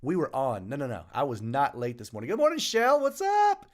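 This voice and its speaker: Animated man hosting a live stream. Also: mid-range voice, fairly quick. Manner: animated, jokey, shouting out names. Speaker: host of a live morning stream. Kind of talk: casual live-stream chat greeting viewers. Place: small home studio.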